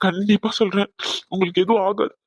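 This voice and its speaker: A man's voice: high voice, little pitch movement, fast, husky, dry recording. A man voicing a young doctor son who is crying and pleading with his dying mother. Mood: tearful, reassuring. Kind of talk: animated drama dub.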